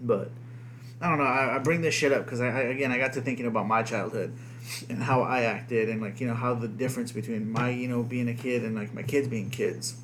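This is a young man's medium-pitched voice, steady and fairly bright, moving a little fast over slight background noise. He's an American dad who grew up speaking Spanish first, co-hosting a casual podcast where he rambles, curses often and uses plenty of fillers.

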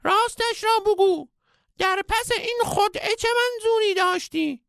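Squeaky old sage, bossy, prying, gravelly, lurching pitch. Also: male voice, no room sound, clean studio sound, full character voice. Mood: scolding. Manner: scolding, shouting, prying.

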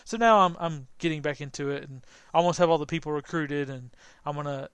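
A man chatting as a podcast host, rambling and jokey as he restarts his thoughts. His voice is smooth and clear and sits a little high. The sound is dry and close, with no room around it. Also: brisk, a bit bright, no echo. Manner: rambling, self-interrupting, jokey. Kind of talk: casual chat.

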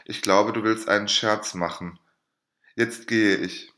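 A man's voice: on the low side, fairly even intonation, moderate pace, a bit bright, reverberant, lightly acted. A man playing a sly mocking noblewoman. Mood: mock concern. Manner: sweetly feigned sympathy.

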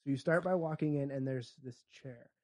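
A man's voice: medium pitch, a little fast, a little mellow. A man co-hosting a podcast, chatting casually and joking wryly while he works through comedy bits. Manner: wry, joking, acts out bits. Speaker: podcast co-host.

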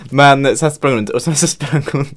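A man's voice: medium pitch, crowd noise. A man in casual chat, retelling a funny incident with quoted voices and frequent laughter. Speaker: hotel breakfast worker.

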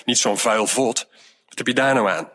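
A man reading a storybook aloud and voicing a fretful middle-aged mother who sighs and scolds as she clears out her late mother's room. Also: mid-range voice, moderate pace, sharp tone. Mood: exasperated. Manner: exasperated, sighing, scolding.

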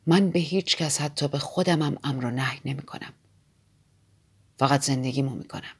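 A woman's voice: very deep voice, husky, voice pushed down, exaggerated voice. A woman reading an audiobook voices a frank, easygoing young married man in a plain, matter-of-fact tone.

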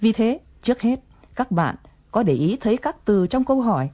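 A woman's voice: fairly high pitch, big pitch swings, moderate pace, dark tone. A woman presenting an English lesson, explaining phrases patiently and coaxing learners to repeat them.

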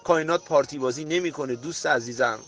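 A man hosting a motivational podcast, preaching emphatically to his listener and rising to near-shouts. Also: a little high, faint music behind. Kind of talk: motivational monologue.

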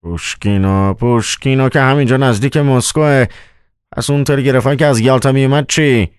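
A man's voice: lowish voice, very animated, gravelly, mellow, no echo, clean studio sound. A man voicing a frightened middle-aged male theater accountant who talks in tense, urgent murmurs.

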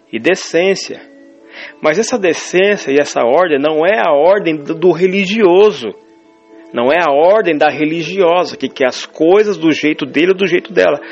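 Gravelly preacher, emphatic. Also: male voice, on the high side. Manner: emphatic, repeats phrases for stress. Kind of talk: sermon. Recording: dull lo-fi sound with faint music behind. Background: faint music.

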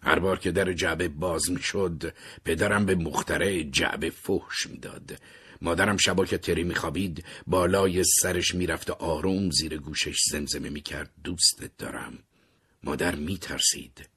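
A young man narrating a scripted story in a measured way, sometimes sinking to an unvoiced whisper. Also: low voice, steady tone, fairly bright tone, husky. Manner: measured, dropping to unvoiced whispers in tense moments.

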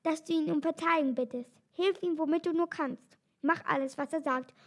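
A woman reading aloud and voicing an upset lioness mother who scolds her mate in an excited, high voice. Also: normal speed. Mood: scolding.

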